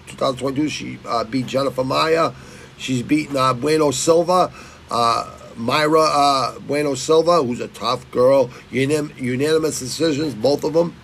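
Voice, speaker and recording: A man's voice: medium pitch, vocal fry, fairly bright tone, slight background noise, low-quality recording. A middle-aged man, rambling and swearing through his fight betting picks and stumbling over fighters' names. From Massachusetts. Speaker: fight picks channel host. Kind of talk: casual betting picks talk.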